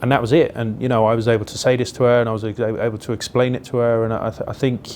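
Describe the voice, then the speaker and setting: A man's voice: mid-range voice, little pitch movement, fast, a little mellow, a little hiss or hum. A male police officer being interviewed for a documentary, recounting a call in a plain-spoken, reflective way.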